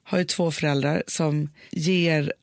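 A woman's voice: sits low, steady tone, no room sound, clean studio sound. A mother in a casual conversation, reasoning things through aloud with lots of fillers and restarts. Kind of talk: casual chat.

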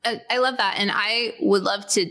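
A woman's voice: medium pitch, steady tone, moderate pace, pushed and bright. Chatty woman podcast host. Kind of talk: casual podcast interview.

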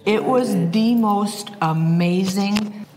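A woman's voice: medium pitch, takes it slowly, a little mellow, long reverb tail, a little hiss or hum. A woman in an emotional interview, effusive and repeating herself for emphasis. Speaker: interviewee, family member.

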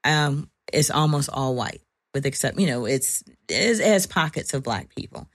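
A woman with a deep voice speaks casually as a panelist. She pauses to think aloud and acts out the things people say. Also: animated. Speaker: panelist, parent.

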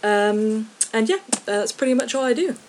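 A woman from the English Midlands with an English accent, a guest chatting casually on a podcast and pausing often with fillers. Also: on the high side, darkish tone, slight background noise. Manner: hesitant, many fillers. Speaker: podcast guest, film journalist. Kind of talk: casual chat.

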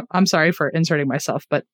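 A woman's voice: deep voice, brisk, no room sound, studio quality. A woman co-hosting a podcast, telling a story in a casual, chatty way and often laughing at herself. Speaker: podcast co-host.

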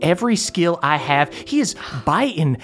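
A frazzled old granny chatters away in a shrill, squeaky falsetto, as a man puts her on in a tabletop game. Her voice sits far above a normal speaking pitch and sounds bossy yet affectionate, with faint music underneath. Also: sing-song, normal speed, fairly bright tone. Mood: fond.

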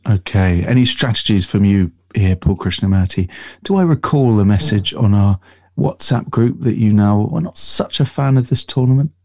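A man's voice: on the low side, moderate pace, darkish tone, no room sound, clean studio sound. A man hosting a sports betting podcast, presenting and handing over to guests. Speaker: podcast host.

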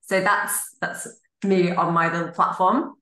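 A woman's voice: on the low side, steady tone, a little slow, fairly bright tone. A woman hosting a podcast, talking in a reflective, encouraging way in a casual interview. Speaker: podcast host. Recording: roomy echo.

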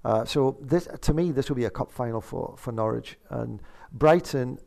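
A man's voice: medium pitch, normal speed, gravelly, warm tone. A man giving conversational football analysis as a pundit, hesitating and repeating words as he thinks.

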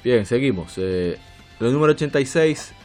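A man co-hosting a casual chat, reading out ranked games and giving quick opinions. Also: medium pitch, faint music behind. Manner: animated, reads out list entries. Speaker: podcast co-host. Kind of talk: casual chat about video game rankings.

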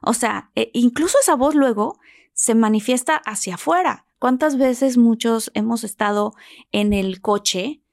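A woman chats animatedly, slipping into voices as she tells a story. Her voice sits a little high with a gravelly fry. The sound is dry, with no room around it. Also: a little slow, darkish tone, dry recording. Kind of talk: casual storytelling conversation.

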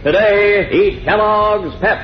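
A dull, vintage radio recording with loud music behind an American old radio announcer. He narrates a 1940s adventure serial with theatrical emphasis and suspense. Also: high-pitched, takes it slowly. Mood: dramatic, suspenseful.

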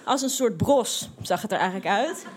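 A woman telling a personal anecdote in a lively, expressive way, with frequent fillers and restarts. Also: medium pitch, normal speed. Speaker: storyteller.

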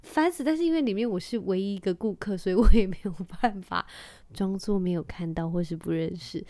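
A woman, a mother telling stories to her vlog audience in a lively, chatty way and mixing in English phrases. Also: medium pitch, fairly quick, no echo. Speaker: vlogger and mother. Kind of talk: casual chatty monologue.

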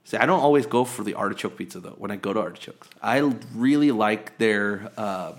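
A man co-hosts a sports podcast in casual chat, rambling and chatty, full of fillers and restarts. His voice sits on the low side and his pace is brisk.

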